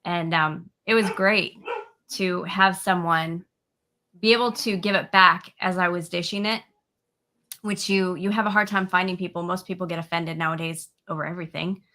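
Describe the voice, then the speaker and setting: A woman hosts a casual interview and speaks frankly and bluntly. Her voice is gravelly and bright, and it sits a little low for a woman. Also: steady tone, moderate pace. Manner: frank, outspoken. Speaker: host.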